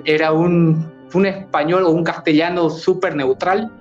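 A man's voice: a little high, steady tone, unhurried, dull audio, soft background music. Earnest Bolivian doctor telling his story. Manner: earnest, hesitant, repeats and restarts words. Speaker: doctor, interview guest. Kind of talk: recounting a personal experience.

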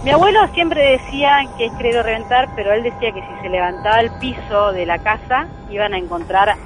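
As a guest, a woman with an Argentine Spanish accent tells a true ghost story, earnest and emphatic, repeating key phrases. Her voice is fairly high and a little fast, with background noise in the recording.

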